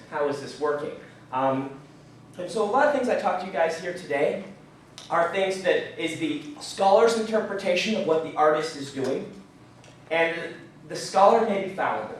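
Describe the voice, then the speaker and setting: In front of a convention-room audience, a thirty-something writing teacher delivers a relaxed lecture at a fan convention, rambling with frequent ums and restarts while a throat lozenge slightly muffles his speech. His voice runs on the high side. The mic is distant, the hall echoes, and there is slight background noise.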